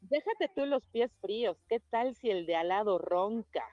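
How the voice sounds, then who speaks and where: Animated woman co-host. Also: mid-range voice, a little slow, no room sound, lo-fi sound. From Mexico. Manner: animated storyteller. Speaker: radio co-host. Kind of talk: casual radio chat.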